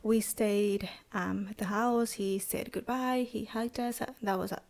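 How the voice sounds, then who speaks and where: A Salvadoran woman in her thirties, speaking Spanish with a Salvadoran accent, gives her personal testimony as a podcast guest, pausing often and restarting her sentences. Her voice sits in the mid range with a darkish tone and fairly even intonation.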